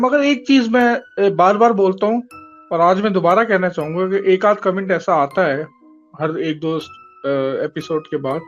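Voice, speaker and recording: High-pitched joking male co-host. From Pakistan. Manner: joking, quick backchannels, earnest when explaining. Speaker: podcast co-host. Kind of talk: casual chat. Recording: dull lo-fi recording with faint music.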